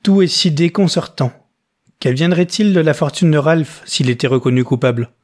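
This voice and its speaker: A man's voice: fairly high pitch, normal speed, a little mellow, natural voice. A man voicing an older widowed mother who whines and turns tearful. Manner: whining, tearful. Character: older widowed mother, whining, self-pitying.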